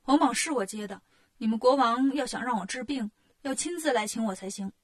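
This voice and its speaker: A woman voicing a cheeky, boastful male monkey king in a storybook tale, brisk and cocky, with a husky voice. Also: fairly high pitch.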